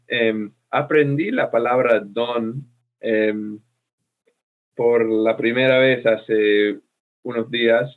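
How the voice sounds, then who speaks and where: A man speaking Spanish as a second language, his first being English, chatting hesitantly with many ums as podcast co-host. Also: mid-range voice. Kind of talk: casual chat. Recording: tinny phone-like line.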